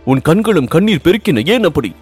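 A man's voice: fairly high pitch, very animated, brisk, slightly rough, soft background music, voice pushed up. A man reading aloud and voicing an anxious young prince in love, speaking earnestly and pleadingly. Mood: yearning. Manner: earnest, pleading, rising with emotion. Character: young Pandya prince, ardent and anxious lover.

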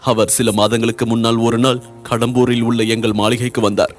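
A man's voice: mid-range voice, level tone, a little fast, faint music behind, lightly acted. A man voicing a grieving young noblewoman who pleads through sobs. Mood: pleading. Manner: sobbing, imploring.

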